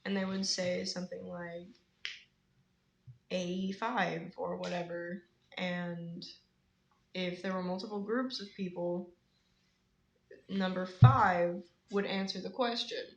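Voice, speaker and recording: A teenage girl co-hosting a casual chat, talkative and teasing with deadpan asides. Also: on the low side, slow pace, gravelly, pauses often, reverberant, low-quality recording. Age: teens. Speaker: podcast co-host.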